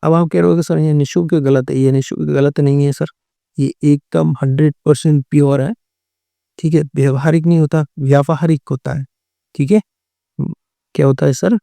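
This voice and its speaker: A man's voice: fairly high pitch, steady tone, moderate pace, gravelly, warm tone, no room sound. A man teaching a Hindi exam-prep class, going through multiple-choice answers and often repeating words and answers. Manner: repeats words and answers, often says "theek hai" and "right".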